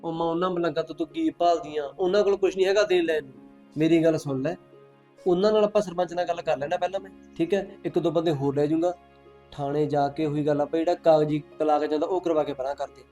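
A young man as a bossy elder brother who talks fast in a high voice. He argues insistently and is quick to anger. Soft music sits under the scene. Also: fairly even intonation, close to an everyday voice. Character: bossy, hot-tempered village elder brother.

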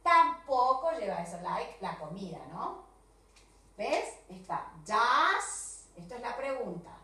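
A woman with a Rioplatense Spanish accent, an English teacher recording a video lesson for young children, drawing out slow model sentences and checking in often. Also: a little high, very animated, sharp tone, far from the mic. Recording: echoey room, voice from off the mic.

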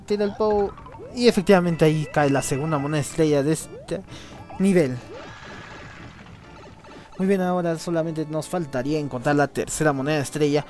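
A chatty man narrates a platform game as he plays, voice sitting a little high. He keeps cheering on his partner with quick bursts of exclamation while faint game music runs underneath. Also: darkish tone. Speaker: let's play commentator. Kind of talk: casual gameplay commentary.

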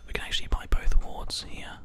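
Speaking into a close binaural microphone that picks up ear to ear, a man hosts an ASMR gaming show in an unvoiced whisper. He commentates on gameplay gently and unhurriedly, keeping a measured pace.

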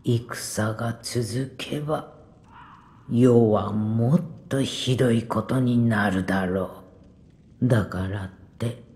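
In a game cutscene, a woman voices a weary old village woman who is blunt yet kindly. Her delivery is gruff, unhurried, and rumbling low, with soft whispered asides.

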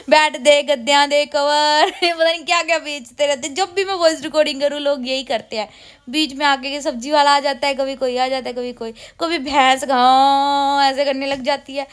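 Chatty high-voiced woman vlogger. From India. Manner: chatty, rambling, frequent self-corrections. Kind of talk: casual chat while doing chores. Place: home.

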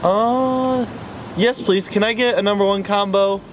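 A man's voice: high voice, steady tone, measured pace, background noise. A man ordering food at a drive-through from his car, polite and raised up for the speaker box. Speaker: food vlogger.

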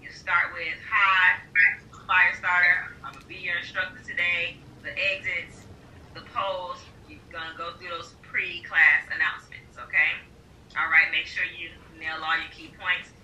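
A woman teaching a class, giving brisk, directive instructions and checking in with her students. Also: lowish voice, level tone, bright, forceful tone, muffled recording, slight background noise. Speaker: pole dance instructor trainer. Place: pole dance studio, indoors. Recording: distant voice in an echoey studio.

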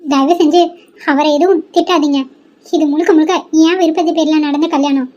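A meek young bride in a cartoon, voiced by a woman speaks softly and politely, pleading for calm. The voice is high and quick. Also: muffled recording, natural voice.

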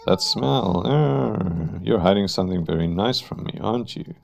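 A man's voice: low-pitched, moderate pace, gravelly. A man voicing a greedy female performer of a demonic troupe, reading her text in a coaxing, hungry way.

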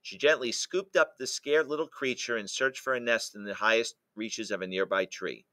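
A male teacher reading a picture book aloud to a class, pausing to explain jokes and quiz his listeners. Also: mid-range voice, steady tone, bright, forceful tone, dry recording.

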